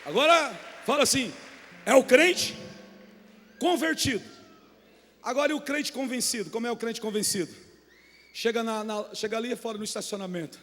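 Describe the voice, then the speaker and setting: High-voiced Brazilian pastor preaching fiercely. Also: male voice, normal speed, long pauses, a little hiss or hum. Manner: fiery preaching, building to shouted repetitions; colloquial, folksy storytelling. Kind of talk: sermon. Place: church hall. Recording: reverberant church hall with faint music.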